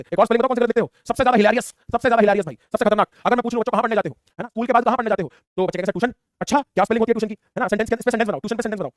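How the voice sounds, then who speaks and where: A high-voiced man rattling through a class at top speed, teasing students with "है ना" after almost every line. He sounds like a teacher talking close to the mic in a dry room with no echo. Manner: teasing, playful, repetitive tag questions. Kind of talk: fast online class lecture.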